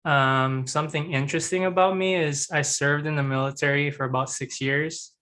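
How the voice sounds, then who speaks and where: This is a man born in the Philippines who introduces himself in a measured, hesitant way. His voice sits a bit high, and it is bright and forceful. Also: steady tone. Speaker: new student, military veteran.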